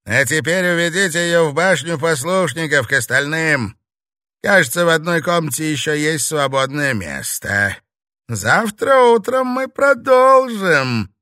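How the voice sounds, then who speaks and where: A man's voice: a little high, animated, measured pace, sharp tone, dry recording, clean studio sound, pitched above the performer's own voice. A man voicing a cruel, domineering old four-armed spider witch with a harsh, barking, sneering delivery. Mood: smug.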